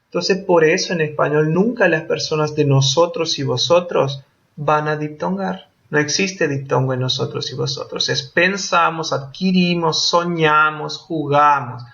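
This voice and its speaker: A man's voice: fairly high pitch, measured pace, creaky, fairly bright tone. A man teaching a Spanish grammar lesson, explaining patiently and checking in often with short tag questions. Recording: dull lo-fi audio.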